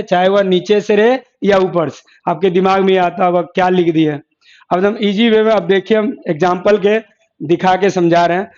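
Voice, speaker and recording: A man's voice: sits high, a little mellow. A man teaching an exam-prep lesson who keeps asking the class questions, answering them himself, and repeating key terms. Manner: repetitive, asks and answers own questions. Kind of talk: classroom lecture with board examples. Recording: dull lo-fi classroom recording.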